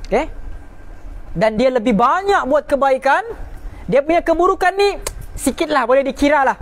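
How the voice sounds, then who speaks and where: A man teaching a religious class, often checking in with his listeners and drawing out key words for emphasis. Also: extremely high pitch.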